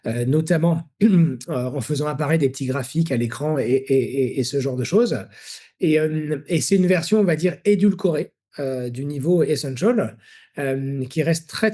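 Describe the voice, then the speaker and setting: A man's voice: fairly high pitch, dark tone, husky. A middle-aged man presenting his negotiation training programs in a live webinar, explaining at length and answering his own rhetorical questions. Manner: explanatory, frequent fillers and restarts, rhetorical questions.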